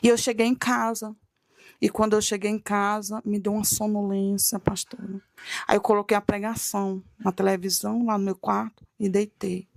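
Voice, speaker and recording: A woman's voice: mid-range voice, level tone, moderate pace, gravelly, no echo, studio quality. A woman tells a dramatic religious testimony, acting out her own cries for mercy as she goes. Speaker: guest telling a testimony.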